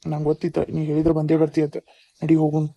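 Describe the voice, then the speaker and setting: A man's voice: on the high side, monotone, fast, vocal fry, warm tone, no room sound. A man with a North Karnataka accent voicing a caring older brother in a cartoon. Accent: North Karnataka Kannada. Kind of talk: cartoon voice acting.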